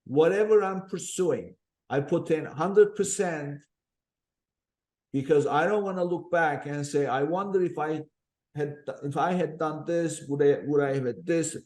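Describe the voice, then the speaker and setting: A man's voice: fairly high pitch, a little slow, a little mellow. A man who grew up in Turkey, hosting a podcast interview and telling a personal story earnestly, with many fillers and restarts. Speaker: podcast host. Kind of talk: conversational interview.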